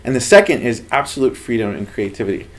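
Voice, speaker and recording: Speaking fast with lively intonation at a medium pitch, a man in his thirties from Los Angeles, United States, describes his work as a lab head. The casual interview takes place indoors in an office with bookshelves, and he is earnest and animated throughout.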